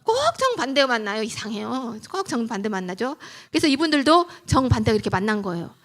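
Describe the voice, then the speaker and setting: A middle-aged woman giving a lively church lecture on family life, telling stories and asking the audience questions. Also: fairly high pitch, fast talker. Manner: animated storytelling, asks audience questions.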